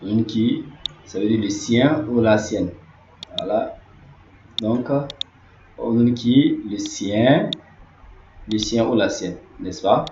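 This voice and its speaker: A man's voice: lowish voice, darkish tone. Man teaching grammar in an echoey room. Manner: repetitive, explanatory, slowly repeats key words. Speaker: language teacher. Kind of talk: online grammar lesson. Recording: roomy, dull lo-fi audio with faint hiss.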